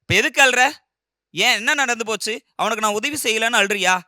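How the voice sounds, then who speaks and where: A man's voice: sits high, fast talker, pushed and bright, no room sound, studio quality, voice pushed up. A man doing a stern lecturing husband. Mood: insistent. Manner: scolding, insistent. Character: stern middle-aged husband, suspicious and lecturing.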